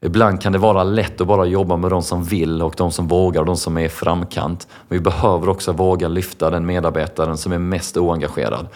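A man's voice: low voice, little pitch movement, few pauses, darkish tone. A young man, a lecturer, answering interview questions in an earnest storytelling way. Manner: earnest, storytelling, acts out quoted voices. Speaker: lecturer and speaker. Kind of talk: conversational interview answers with anecdotes.

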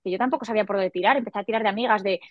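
A woman in her forties, a podcast guest, telling a personal story in a lively way and acting out the voices she quotes. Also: racing, no echo, muffled recording. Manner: animated, acts out quoted dialogue in a higher voice. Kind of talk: casual storytelling.

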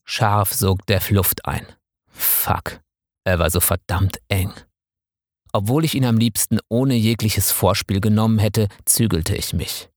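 Guy with a lowish voice narrating an audiobook, calm and even, dry close sound. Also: a little slow, no echo. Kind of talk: first-person scripted narration.

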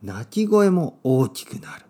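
A man hosting a podcast for Japanese learners, speaking simply with lots of repetition and a playful, expressive delivery. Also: a little slow. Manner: clear, simple phrasing for learners with repeated words; expressive and playful, with sudden pitch jumps. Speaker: podcast host and Japanese teacher.

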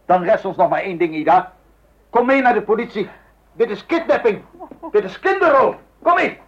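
An actor playing an anxious husband and father who urges calm and pushes toward the police. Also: sits high, fast, slightly rough, muffled recording. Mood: urgent. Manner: urgent, forced calm. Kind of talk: radio drama acting.

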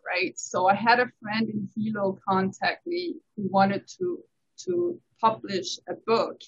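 A woman talks through her story as an interview guest, laughing often. Her voice is a bit husky and breathy, and the recording sounds muffled and lo-fi. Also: mid-range voice. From Denmark. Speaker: tax accountant guest. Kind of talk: casual interview chat. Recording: dull lo-fi recording.

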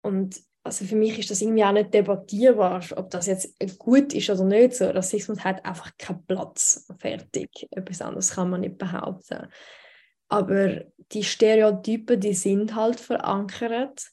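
A woman's voice: medium pitch, steady tone, moderate pace, warm tone. A young woman in her twenties from Switzerland with a Swiss German accent, talking as an author in a radio interview, thoughtful and direct. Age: 20s. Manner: thoughtful and direct, with frequent fillers. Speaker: author and guest.

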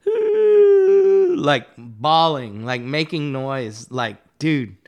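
A man's voice: mid-range voice, measured pace, a bit bright, dull audio. A man, a guest artist, telling a long story in a casual, rambling and profane way, with many fillers. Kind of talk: casual storytelling in a podcast interview.

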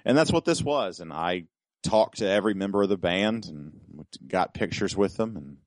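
A man's voice: low-pitched, expressive, normal speed, dry recording. A man co-hosting a podcast in a casual chat, rambling and often repeating his words as he starts a thought. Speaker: podcast co-host.

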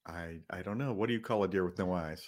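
A man's voice: low voice, quick pace. An American man chatting casually as a podcast co-host. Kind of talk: casual chat.

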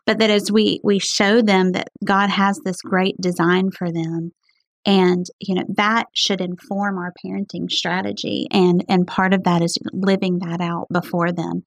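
Woman, host, gravelly, flat even delivery, earnest, dry close sound. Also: fairly low pitch, measured pace, no echo. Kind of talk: conversational church podcast discussion.

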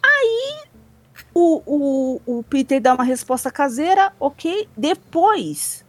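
A woman's voice: high-pitched, big pitch swings, slow, dry recording. A woman with a Brazilian Portuguese accent hosting a casual podcast chat, talking in an indignant, emphatic way with many restarts.

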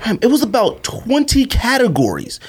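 With an extremely high, husky voice at normal speed, this man co-hosts a podcast. He spins laid-back stories full of slang and lively energy, performing other people's quotes as he goes.

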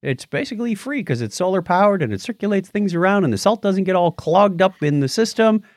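A male podcast host with a high-pitched, animated voice speaks a little fast, bantering and joking his way through casual news and birthday chatter. The sound is clean studio audio with no echo.

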